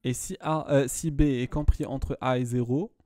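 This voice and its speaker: A man's voice: medium pitch, fairly even intonation, normal speed, dark tone, no room sound, clean studio sound. A man tutoring a student one-on-one in math, patient, often repeating himself and checking that she follows.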